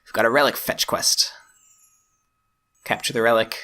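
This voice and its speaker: A man's voice: medium pitch, fairly even intonation, normal speed. A man giving casual, chatty let's-play commentary on a strategy game, thinking aloud and making fun of himself. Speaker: gaming YouTuber.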